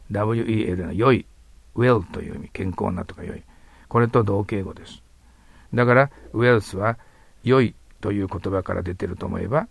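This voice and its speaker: A man with a low, gravelly, slightly husky voice gives a vocabulary lecture. He explains patiently and keeps checking in with his listeners through tag questions. The recording is dry, with no room sound. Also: no room sound. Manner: explains slowly, tags sentences with questions. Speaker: English vocabulary teacher.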